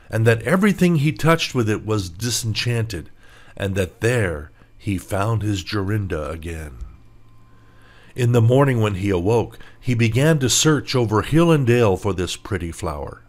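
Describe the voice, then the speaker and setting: A man narrating a fairy tale for English learners in a slow, clear and expressive reading. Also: fairly low pitch. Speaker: storyteller.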